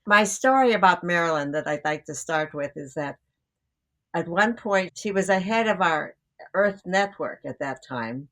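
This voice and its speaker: A woman's voice: lowish voice, expressive, moderate pace, a bit bright. Rambling older woman co-host. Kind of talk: casual conversation.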